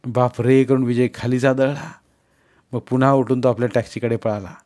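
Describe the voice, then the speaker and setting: A man reading a dramatic story aloud in a measured, dramatic narration. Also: medium pitch, steady tone, a little mellow. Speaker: audiobook narrator.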